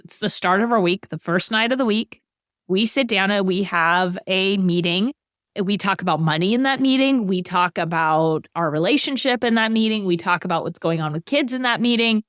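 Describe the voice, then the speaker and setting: A woman's voice: medium pitch, a bit bright, dry recording, studio quality. A middle-aged woman on a financial podcast, explaining goal-setting with everyday examples in a conversational way.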